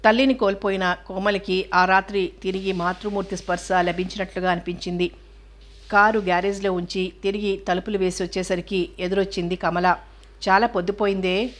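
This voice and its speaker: A woman narrating a novel as an audiobook in an even, measured storytelling manner. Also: mid-range voice.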